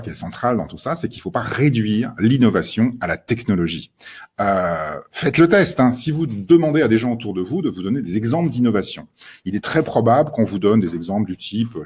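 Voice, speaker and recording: A man's voice: fairly low pitch, a little mellow, slightly rough. A man, a strategy professor, explaining business ideas in a webinar with many hesitations and restarts. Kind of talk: webinar lecture.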